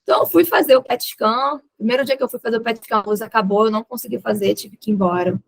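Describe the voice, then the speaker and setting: Young adult woman, Brazilian accent, podcast guest, lively storyteller acting out dialogue, raspy fry, dry close sound. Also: a little high, fast, no echo, low-quality recording. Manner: lively retelling that acts out quoted dialogue, with laughs. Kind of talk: personal storytelling in a podcast interview.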